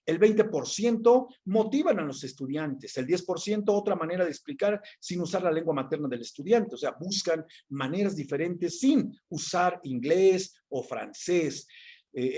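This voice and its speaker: A man's voice: fairly high pitch, expressive, normal speed, mellow, breathy edge. A man giving an academic presentation on how language is taught, going through his findings item by item with many fillers and restarts. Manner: methodical, lists items with frequent fillers and restarts.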